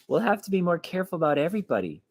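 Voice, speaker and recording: A man reading aloud, voicing an anxious, determined teenage girl who is an older sister, speaking in a hushed, urgent way in a storybook reading. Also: high voice, very animated, racing, gravelly, no echo, voice pushed up, exaggerated voice. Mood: worried.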